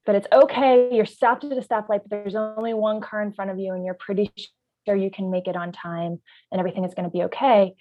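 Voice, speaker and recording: Woman doing parent training, chatting on a podcast, stops and starts to think it through, kinda muffled audio. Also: medium pitch. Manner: thoughtful, searching for words, vivid when storytelling. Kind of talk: podcast discussion with storytelling.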